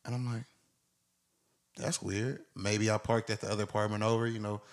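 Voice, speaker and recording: A man in his twenties, a podcast co-host, telling a long story in a casual, animated way and acting out the people in it. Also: on the low side, normal speed.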